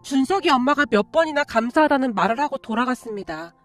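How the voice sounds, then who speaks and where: A woman reading a first-person story aloud in a calm, even storytelling manner. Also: high-pitched, quick pace. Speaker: story reader. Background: faint background music.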